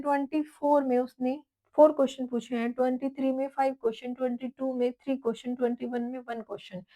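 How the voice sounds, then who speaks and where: A woman's voice: high voice, a little mellow, low-quality recording. A woman teaching an exam-prep biology lesson, listing topics and past question counts and calling her students "beta".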